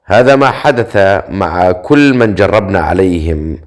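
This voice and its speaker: A cruel, sneering priest from a dark fantasy audiobook, cold and mocking, as a male narrator reads him. His voice sits low and calm, almost bored in its cruelty. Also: moderate pace, lightly acted.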